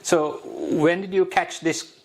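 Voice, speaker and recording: A man's voice: high-pitched, steady tone, a little slow. Eager male talk-show host. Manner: eager, repeats and restarts. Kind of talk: interview and food tasting.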